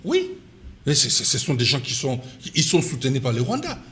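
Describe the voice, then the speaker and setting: Appearing as an interview guest, a Congolese-accented party official and political commentator presses his arguments, repeating the main ones for emphasis. His mid-range voice has a sharp tone and huge pitch swings, and he talks at normal speed.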